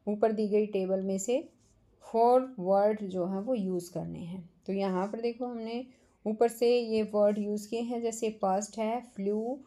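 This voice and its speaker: A woman teacher with an Indian English accent explaining a poem lesson to children, reading English lines slowly and then explaining them. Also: mid-range voice, fairly even intonation, warm tone.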